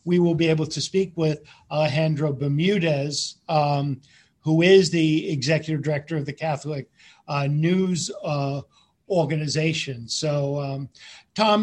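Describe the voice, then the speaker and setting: A middle-aged man, a priest, hosting a radio interview in a halting way, with many fillers and repeated words. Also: fairly high pitch. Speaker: radio show host, priest.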